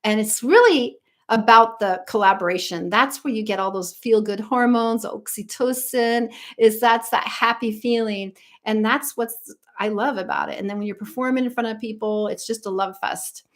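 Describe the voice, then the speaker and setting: Speaking at a normal speed in a higher-than-usual voice, a middle-aged American woman who works as a vocal coach chats on a livestream. She reads out viewer comments and rambles, full of ums and restarts.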